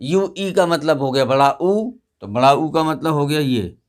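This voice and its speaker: A male teacher with a somewhat high voice, giving a patient pronunciation lesson aimed at children. He spells out each letter slowly and keeps checking in with the class with short, repeated prompts.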